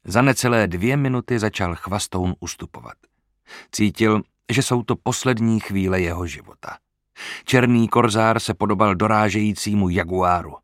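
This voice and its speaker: Low-voiced man narrating an adventure audiobook. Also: no room sound, clean studio sound. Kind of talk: scripted narration.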